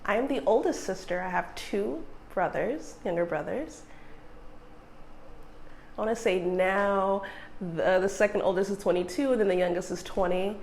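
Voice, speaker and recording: A woman sign language interpreter speaking in the first person, measured and earnest, with steady pauses. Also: mid-range voice, a little hiss or hum.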